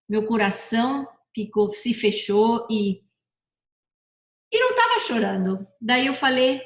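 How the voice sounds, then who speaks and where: A middle-aged woman giving a casual motivational talk, chatty, often repeating and correcting herself. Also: a little high. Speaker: personal development speaker. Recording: echoey room.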